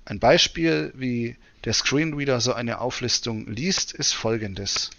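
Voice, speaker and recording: A man presenting a software demonstration in tutorial narration. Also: mid-range voice, animated, slow pace, vocal fry. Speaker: presenter demonstrating screen reader.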